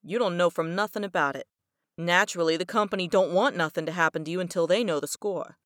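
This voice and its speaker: Casting: woman voicing a callous tough-guy male detective, lowish and dry, blunt slang. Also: quick pace, fairly bright tone, no room sound, close to an everyday voice.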